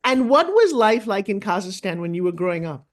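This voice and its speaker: A woman's voice: mid-range voice, big pitch swings, a little fast. Upbeat middle-aged woman hosting on stage. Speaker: host. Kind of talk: stage interview.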